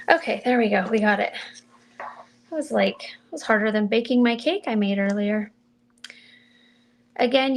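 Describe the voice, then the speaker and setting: A woman slowly and mildly talks through a card-making demo on her livestream, chatty and soft-spoken as she thinks aloud. Her voice is slightly high with some gravel. There is slight background noise and the faint click of her tools.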